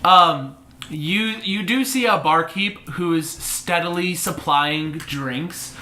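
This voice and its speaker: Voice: mid-range voice, slow pace, sharp tone, roomy sound. A game master narrating a tabletop game in a chatty way, full of fillers and laughs.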